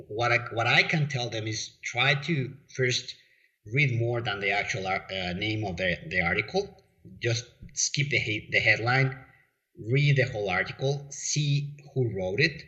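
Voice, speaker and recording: Man, low voice, rambling chat, dull lo-fi sound. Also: sharp tone. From Mexico. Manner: rambling, frequent fillers and restarts. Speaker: podcast guest. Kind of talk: casual interview talk. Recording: dull lo-fi audio.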